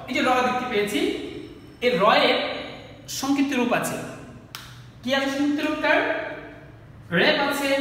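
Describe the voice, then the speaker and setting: A man's voice: extremely high pitch, a bit bright. A man with a Bangladeshi Bengali accent teaching a grammar lesson, who explains step by step and asks and answers his own questions. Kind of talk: board lesson for students. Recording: echoey room from far off, faint hiss.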